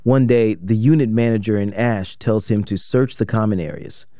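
Dark-toned man narrating investigative radio. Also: on the low side, normal speed, no echo, studio quality. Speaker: host of an investigative radio program. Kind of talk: scripted documentary narration.

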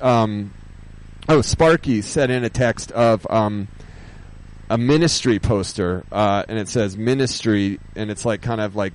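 A man hosting a radio show as DJ, chatting casually off the cuff in a halting, rambling way, thinking aloud. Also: fairly low pitch, clear, resonant tone, low-quality recording. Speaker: radio host and DJ.

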